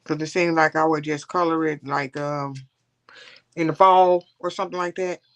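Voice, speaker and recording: A woman's voice: low-pitched, fairly even intonation, moderate pace. A woman hosting a casual coloring livestream, rambling and chatting with her viewers. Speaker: livestream host.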